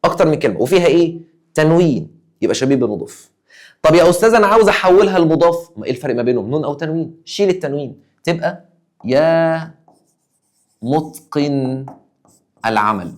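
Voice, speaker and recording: A man's voice: fairly high pitch, lively intonation, very fast. A young man with an Egyptian Arabic accent, a teacher giving an exam review lesson, emphatic and acting out his students' questions.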